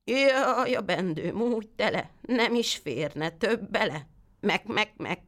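A woman voicing a sly, lying female goat who whines in drawn-out sing-song rhymes and bleats. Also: medium pitch, lively intonation, fairly bright tone, voice pushed up. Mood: smug.

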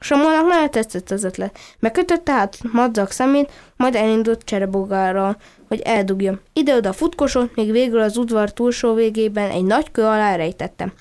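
A woman reading a children's story aloud in a gentle, steady storytelling manner. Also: on the high side, clean tone.

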